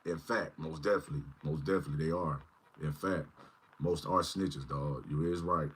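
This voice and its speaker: Husky-voiced man in his forties. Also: extremely low pitch, moderate pace, a bit bright. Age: 40s. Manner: rambling, keeps asking "you know what I mean". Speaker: channel host. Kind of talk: casual livestream talk.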